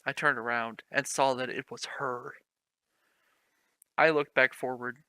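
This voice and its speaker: A man reads fan fiction out loud for comedy, delivering the stiff prose with mock drama, adding commentary and often laughing. His medium-pitched voice is steady, sharp, clear and resonant, at a measured pace in a dry recording.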